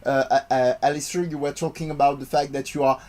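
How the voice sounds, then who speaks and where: A man from France, speaking in his second language, hosts a casual chat over a video call. He halts often and searches for his words, filling the gaps with drawn-out hesitations. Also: medium pitch, steady tone, dark tone. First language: French. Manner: halting, searching for words, many fillers. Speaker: podcast host.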